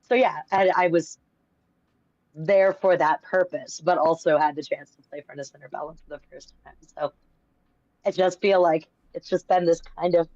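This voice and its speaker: A woman's voice: low-pitched, steady tone, moderate pace, darkish tone, no room sound. A woman guest on a live stream, losing her voice, telling stories in a rambling way with many fillers. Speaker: guest from a game publisher. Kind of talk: casual storytelling chat. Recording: dry, dull lo-fi call audio.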